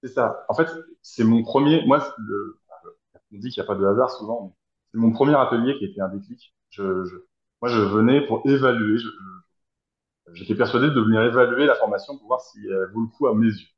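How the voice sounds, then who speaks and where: A man's voice: fairly low pitch, brisk, roomy sound, lo-fi sound. A man in his thirties from France, answering interview questions in a reflective, hesitant way over a video call. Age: 30s. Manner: reflective, hesitant, searching for words. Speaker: guest, helping professional. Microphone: video call from abroad.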